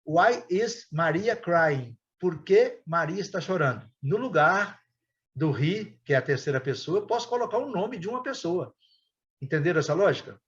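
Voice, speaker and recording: Brazilian guy teaching a class, reads examples real slow, kinda high voice, muffled lo-fi sound. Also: expressive. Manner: slow, deliberate reading of example sentences. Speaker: English teacher. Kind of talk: classroom explanation.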